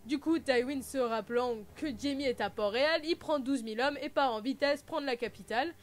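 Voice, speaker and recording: A woman's voice: high-pitched, a little fast. A woman hosting a casual recap vlog, chatty and full of playful joking asides. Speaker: video host.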